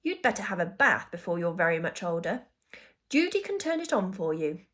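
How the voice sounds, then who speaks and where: A woman doing a brisk, stern housekeeper. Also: on the low side, big pitch swings, fairly bright tone.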